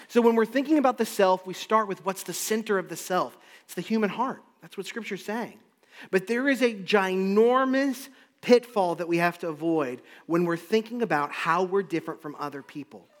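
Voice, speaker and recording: A male pastor delivering a sermon in an emphatic, rhythmic cadence, hammering home his points through repetition. His voice sits fairly high for a man. The sound carries the long reverb of a large hall.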